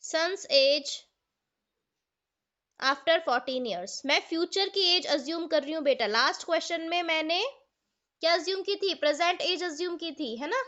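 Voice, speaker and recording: A woman with an Indian accent teaches an online maths class, her voice high and bright. She explains each step slowly and keeps putting questions to her students. The sound is dull and lo-fi, like online class audio. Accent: Indian English. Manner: explains step by step, asks the students questions, mixes Hindi and English.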